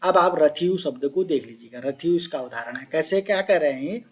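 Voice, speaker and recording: A man teaching Sanskrit pronunciation, explaining each point and chanting example words slowly while asking his pupils questions. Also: fairly high pitch, expressive. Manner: addresses listeners as children. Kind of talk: classroom explanation of Sanskrit phonetics.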